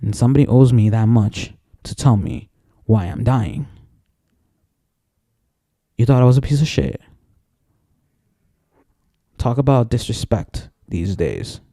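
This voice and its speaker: A man rants angrily to camera with a gravelly voice that swings widely in pitch. His tone is dark and mellow, and he rambles and repeats himself as he gets worked up. The room sounds dry and close. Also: animated, a little slow, long pauses, no echo. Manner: angry, profane, rambling and repetitive. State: emotionally worked up. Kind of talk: personal rant to camera.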